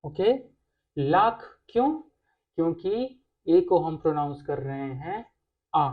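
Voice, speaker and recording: A woman teaching a language lesson, explaining patiently and pausing on "okay" between points. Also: lowish voice, phone-quality sound. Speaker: French teacher.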